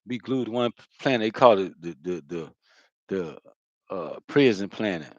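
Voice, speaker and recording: A man's voice: fairly low pitch, expressive, measured pace, no echo, lo-fi sound. A man giving a loose, profane spiritual monologue, talking casually with lots of fillers. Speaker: spiritual vlogger.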